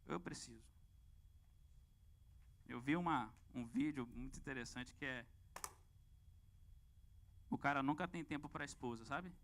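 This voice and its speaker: Bright-voiced Brazilian preacher, lively. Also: male voice, medium pitch, a little slow, vocal fry, long pauses. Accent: Brazilian Portuguese. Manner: lively, asks the congregation questions. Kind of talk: sermon. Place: church.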